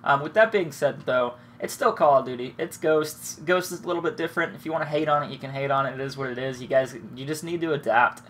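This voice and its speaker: With few pauses and a quick pace, this young man's slightly high, somewhat bright voice runs through commentary on his own game. He has a cold and stuffy nose, rambles casually and swears freely, with slight background noise present.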